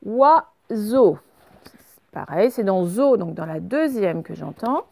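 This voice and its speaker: A woman gives a reading lesson to young children, saying words slowly and clearly and spelling out sounds. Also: mid-range voice, lively intonation, warm tone, no room sound. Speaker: teacher.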